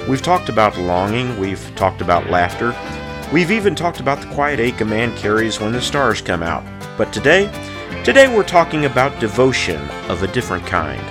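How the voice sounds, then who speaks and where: A man's voice: mid-range voice, very animated, moderate pace. A man hosting a show, reciting scripted cowboy poetry and stories in a folksy, rustic way with dropped g's. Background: guitar music.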